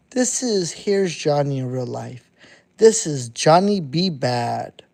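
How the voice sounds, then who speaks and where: Talking to his live-stream chat in a casual monologue, the underground rapper, a man in his thirties, is blunt, swears freely and repeats himself. His voice sits mid-range with a darkish tone.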